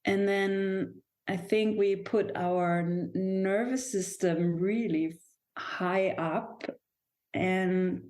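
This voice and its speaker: A German woman who teaches dance and movement appears as a guest in a reflective podcast conversation, speaking English as a second language. Her voice is fairly low and darkish, and she sounds hesitant, often restarting as she searches for words.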